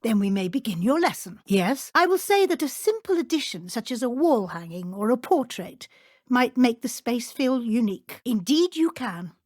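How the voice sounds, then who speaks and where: A brisk, kindly witch professor in middle age for a fantasy video game. Her British voice sits a little high. She speaks in precise, formal, instructive phrases, recorded very dry with no room sound. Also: big pitch swings, dry recording.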